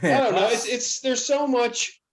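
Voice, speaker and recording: A man's voice: very high-pitched, normal speed. A man hosting a podcast, telling stories in a chatty way with lots of fillers. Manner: chatty storyteller, many you-know fillers. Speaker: podcast host. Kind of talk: casual chat.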